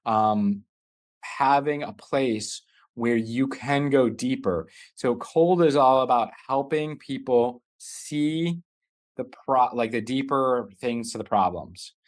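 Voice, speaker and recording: A man leads a live online business masterclass, his pitch sitting in an ordinary middle register. He talks loosely and conversationally, often stopping to rephrase mid-sentence as he explains. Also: slow. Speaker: business coach hosting a masterclass. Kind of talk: live online teaching session.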